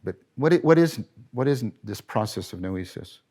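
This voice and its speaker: A middle-aged man giving a philosophy lecture, animated and emphatic, often correcting himself and asking rhetorical questions. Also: medium pitch, moderate pace.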